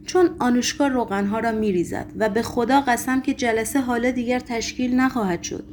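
A woman reading a storybook voices a frantic, agitated young male poet who shouts accusations. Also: a little high, a little hiss or hum, voice pushed up, close to an everyday voice. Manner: raised, urgent, accusing delivery.

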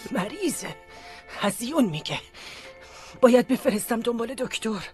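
A woman's voice: fairly high pitch, lively intonation, darkish tone, faint music behind, close to an everyday voice. A woman acting a fussy, doting elderly aunt in a radio drama, fretful and pleading. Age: older.

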